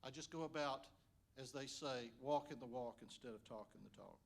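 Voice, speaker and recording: A man's voice: mid-range voice, moderate pace, creaky. A man, a candidate, giving an earnest speech that urges voters directly at an indoor forum event. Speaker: congressional candidate.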